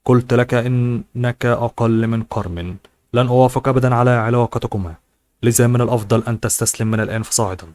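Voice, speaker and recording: A man's voice: medium pitch, steady tone, fast, darkish tone, close to an everyday voice. A man voicing a cold, stern wealthy grandmother in an audiobook, scolding.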